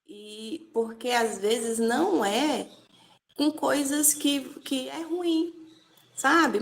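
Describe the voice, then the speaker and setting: Woman, Brazilian Portuguese accent, gravelly voice, earnest faith testimony, conversational. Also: a little high. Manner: earnest, conversational, often adds "né?" and "sabe?". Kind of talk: personal testimony talk.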